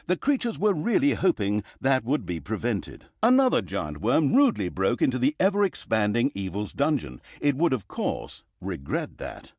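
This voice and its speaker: A male actor with a mid-range, slightly mellow voice plays the sardonic, theatrical narrator of a villainous fantasy video game. He tells it like a comic storybook, full of mock drama and wry asides, in studio-quality audio with no room sound.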